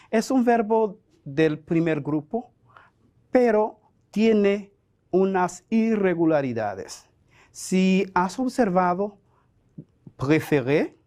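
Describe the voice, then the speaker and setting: Slow, deliberate male French teacher. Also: high voice, mellow. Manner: slow, deliberate drilling, switching between French and Spanish. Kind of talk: televised language lesson.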